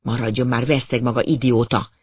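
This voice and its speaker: A man voicing a rough man who hisses threats from the side of his mouth. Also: mid-range voice, level tone, a little mellow, no room sound, clean studio sound, lightly acted. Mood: hissing, rough.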